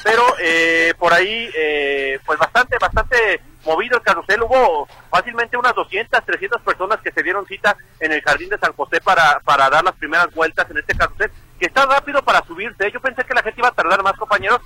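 A man reporting live from an outdoor event for a radio show, lively and talking straight to listeners. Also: high-pitched, a little fast, dry recording, rough recording. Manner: lively, addresses listeners as "compañeros". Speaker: field reporter.

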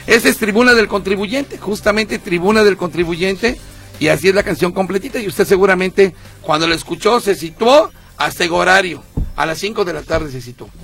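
A man's voice: high voice, fairly quick, vocal fry, fairly bright tone, soft background music. A man co-hosting a radio show, chatty and jokey, stumbling over his words now and then. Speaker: radio co-host. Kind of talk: casual radio banter.

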